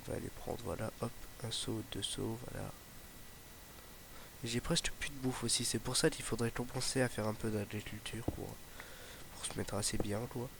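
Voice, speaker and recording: The recording comes from a noisy home mic: a young male gaming YouTuber with a slight Ardèche accent casually commenting on his Let's Play. His fairly low, creaky voice keeps a steady tone at normal speed while he rambles with many fillers and restarts.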